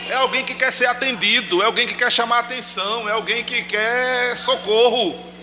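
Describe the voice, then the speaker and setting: Animated preacher in reverb. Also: male voice, very high voice, normal speed, background noise. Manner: animated preaching, addresses congregation directly, acts out shouted cries. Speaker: pastor. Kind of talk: sermon. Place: church. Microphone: handheld microphone.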